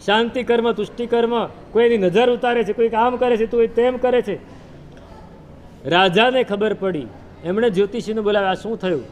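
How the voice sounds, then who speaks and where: A man's voice: extremely high pitch, moderate pace, a little hiss or hum. A man preaching a sermon, retelling a scripture story with rhetorical questions and chanted verses.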